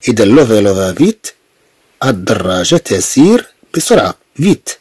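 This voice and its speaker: Moroccan man teaching with a lively pitch. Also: husky, no room sound. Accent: Moroccan Arabic. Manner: patient, repeats words slowly and explains them step by step. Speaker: French teacher. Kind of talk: language lesson with pronunciation drills.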